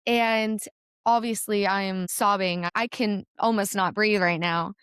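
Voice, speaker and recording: A woman's voice: medium pitch, fairly even intonation, unhurried, fairly bright tone, clean tone, no room sound, clean studio sound. Earnest young American woman telling her story. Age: young adult. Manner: tearful, earnest storytelling with laughs. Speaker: guest, college gymnast. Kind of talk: emotional personal story in a podcast interview.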